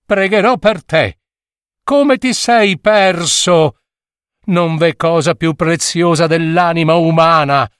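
A man's voice: on the high side, slow pace, fairly bright tone, clear, resonant tone, dry recording, clean studio sound, pitched above the performer's own voice. A man voicing a horrified, pious old village priest who speaks in a solemn, fervent way.

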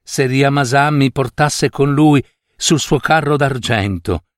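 A man voicing a tender young girl in a storybook reading, raising his voice to sound high and pleading. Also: slow, no echo, studio quality, close to an everyday voice. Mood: dreamy. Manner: pleading, raised pitch, cries out.

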